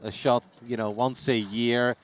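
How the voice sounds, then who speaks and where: A man's voice: medium pitch, steady tone, normal speed, slight background noise. A man commentating on live poker in a casual, chatty, jokey and teasing way.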